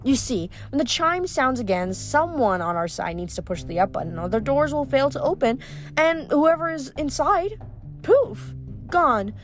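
A woman's voice: sits high, sing-song, normal speed, soft background music, pitched above the performer's own voice. A woman voicing a spiteful, scheming sorceress queen who sneers and mocks. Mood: mocking. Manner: sneering, mocking, dismissive.

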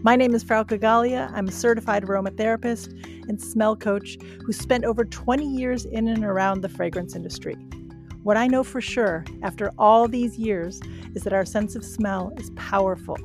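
A middle-aged woman hosts a podcast, first reading a scripted intro, then chatting with a guest in an upbeat, enthusiastic manner. Her voice sits at medium pitch with a darkish tone.

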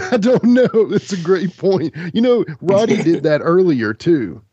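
A man's voice: high-pitched, expressive, a little slow, mellow, slightly rough, no room sound. Male podcast host, casual rambling film commentary, jokey, dry and slightly lo-fi. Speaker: watch-along podcast host. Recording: dry, dull lo-fi mic.

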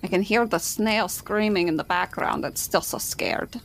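A woman's voice: on the low side, moderate pace, gravelly, a little hiss or hum, rough recording. A woman chatting casually and informally in character as a player in a tabletop game, often repeating words.

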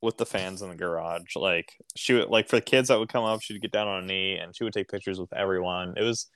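A man's voice: sits low, quick pace, a bit bright, no echo. A man co-hosting a podcast, adding brief friendly remarks in casual chat. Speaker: podcast co-host.

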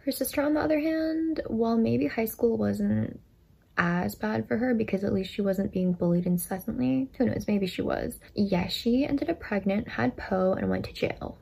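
A woman's voice: medium pitch, animated, normal speed, vocal fry, dark tone, breathy edge. A young woman in her twenties casually retelling a book's story, chatty with lots of filler words, into a desk microphone. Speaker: storytime vlogger.

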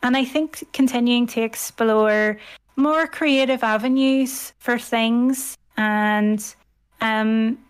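A woman in her thirties with a Northern Irish accent speaks slowly in a slightly high, steady, clean voice that sounds youthful and girlish. She's an author and podcaster chatting casually as an interview guest, hesitant and self-deprecating.

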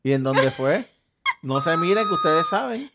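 Give me a playful father with a very lively voice, over a noisy recording. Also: on the high side, moderate pace, gravelly. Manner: playful, teasing questions. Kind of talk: casual family chat.

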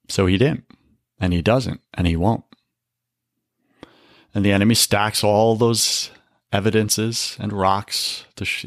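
On a faith-based podcast, a man with a fairly low voice preaches emphatically and often calls the listener brother. The studio-quality audio has no room sound.

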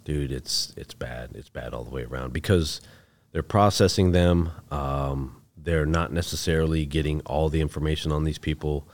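A chief deputy sheriff talking in a casual podcast interview, plainspoken and laid-back, calling the host bro. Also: male voice, extremely low pitch, normal speed. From United States.

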